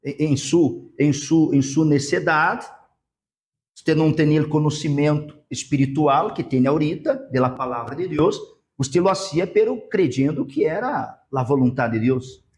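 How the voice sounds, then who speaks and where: A man interviews a church member as her pastor, restating her answers and stumbling over repeated words. His voice sits a little higher than most men's. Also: expressive, a little slow, a little mellow.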